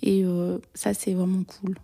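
Answering personal questions in an interview, a young Belgian woman sounds shy and hesitant, restarting sentences and filling pauses. Her mellow, dark, creaky voice barely changes pitch, and her delivery is completely flat.

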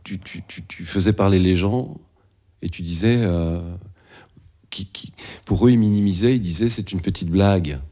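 A man's voice: low voice, moderate pace, dark tone. A man interviewing a young guest, probing and rephrasing his answers back to him. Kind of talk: interview questions.

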